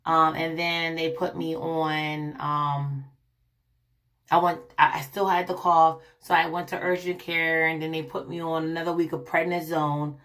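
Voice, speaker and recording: A young woman vlogging her illness story to camera, rambling with many ums and restarts, her voice raspy from a lingering cough. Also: low-pitched, flat delivery, unhurried, a bit bright. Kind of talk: casual personal story to camera.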